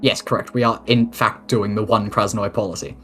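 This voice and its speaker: This online role-play nation's head of government speaks briskly in a mid-range, slightly bright voice with fairly even intonation, over soft background music. The mock-formal address answers submitted questions, blending official statements and casual asides.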